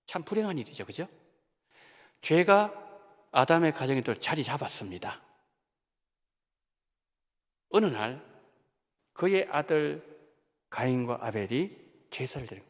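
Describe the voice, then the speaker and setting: A man, a senior pastor, preaching a sermon in a church, talking in an animated way that rises and drops sharply for emphasis. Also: mid-range voice, breathy edge. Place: church sanctuary. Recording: long hall reverb of a church.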